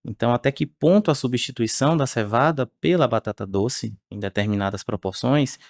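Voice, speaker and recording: A man, speaking as the researcher guest on a podcast interview in a measured way with frequent tag questions. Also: mid-range voice, dry recording, studio quality. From Salvador, Bahia, Brazil.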